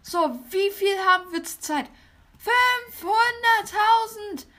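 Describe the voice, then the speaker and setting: Brash hyped YouTuber persona, squealing and crisp, a woman's put-on voice. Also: slow, full character voice. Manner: exaggerated high put-on voice; constant excited exclamations. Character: overhyped star YouTuber woman, bragging. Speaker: let's player. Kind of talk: gameplay let's play.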